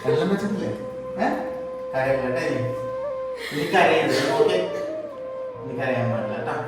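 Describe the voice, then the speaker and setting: A man's voice: medium pitch, lively intonation, moderate pace, very echoey, distant mic, over loud music, close to an everyday voice, rough recording. A man playing a husband about to leave for a Gulf job, coaxing and soothing his wife in an amateur short film. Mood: reassuring.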